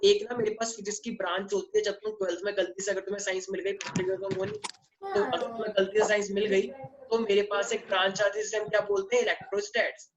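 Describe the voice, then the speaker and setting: A male physics teacher giving an online class lecture, mixing Hindi and English and constantly quizzing his students. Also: sits high. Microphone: online class microphone. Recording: muffled online audio with faint noise.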